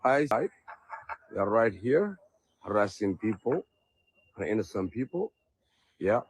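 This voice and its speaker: Husky man from Somalia, short replies. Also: fairly low pitch, very animated, slow.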